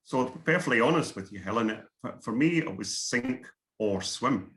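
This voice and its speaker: Speaking at a moderate pace with an expressive, fairly bright medium-pitched voice, this guest speaker gives a workshop talk via video call. He is a middle-aged Scot with a Scottish accent who is earnest and repeats words often.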